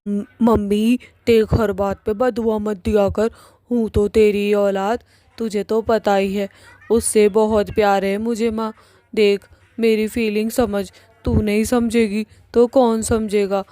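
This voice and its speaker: A woman voicing a pushy, lovesick young witch daughter in a cartoon, talking in a loud nagging way. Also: medium pitch, flat delivery, takes it slowly, dry recording, faint music behind, close to an everyday voice.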